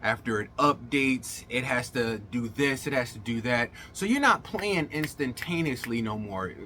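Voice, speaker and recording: A middle-aged gaming host talks casually to his audience in a showy, emphatic, colloquial manner, his speech slightly slurred like someone with a swollen mouth. His medium-pitched voice is animated and sharp in tone, moving at a moderate pace over slight background noise.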